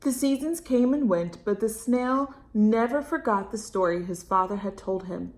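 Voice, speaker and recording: A woman reads a picture book to children in a medium-pitched, slightly mellow voice at a moderate pace. Her reading is expressive, with stretched-out words for emphasis and chatty asides and questions aimed directly at the young listeners.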